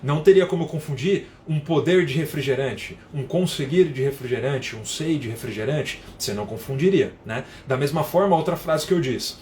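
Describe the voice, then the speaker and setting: A man's voice: mid-range voice, normal speed, few pauses, darkish tone, a little hiss or hum. A man teaching English on a live stream, explaining patiently and reading out viewer comments as he goes. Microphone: phone.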